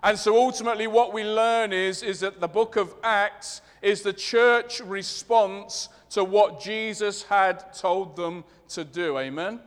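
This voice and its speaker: A man with a Leicester accent delivers a sermon in a large, reverberant hall. His voice sits high for a man and comes across crisp and clean. He explains things in measured, short phrases. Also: steady tone. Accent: English East Midlands, Leicester. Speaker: preacher. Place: large reverberant room, preaching to a congregation. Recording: long reverberant hall sound.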